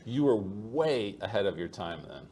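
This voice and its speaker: This podcast host, a middle-aged man, has a lowish, slightly mellow voice and talks at a moderate, expressive pace during a conversational interview. He repeats words and keeps adding tag questions like "okay?", while faint background noise from the conference venue is audible.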